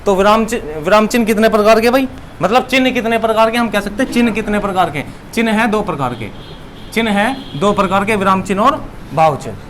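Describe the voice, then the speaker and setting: A man's voice: sits high, fast talker, a bit bright, slight background noise. A young man teaching a classroom lesson, repeating key words and asking questions he then answers himself.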